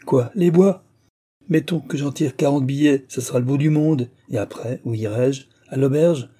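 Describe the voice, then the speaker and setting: A man reading an audiobook, voicing a chatty, brash young woman film star who complains in lively slang, with a husky voice. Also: mid-range voice, normal speed, voice pushed up, close to an everyday voice. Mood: complaining.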